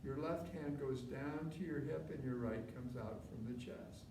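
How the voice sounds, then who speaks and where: A man instructing a tai chi class live, giving short step-by-step movement cues in an informal, gently encouraging way. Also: medium pitch, measured pace. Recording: distant mic, roomy echo, clear background noise.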